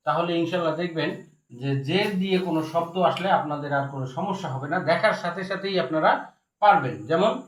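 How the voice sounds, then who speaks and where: A man's voice: on the high side, fast talker. A man teaching Quran reading, spelling each letter and repeating every word three times. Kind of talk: recorded lesson. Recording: echoey room, voice from far off.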